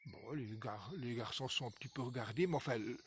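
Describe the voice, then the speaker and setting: Lively male folk storyteller. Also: mid-range voice, brisk, husky. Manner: lively, hesitant, with fillers and repetitions.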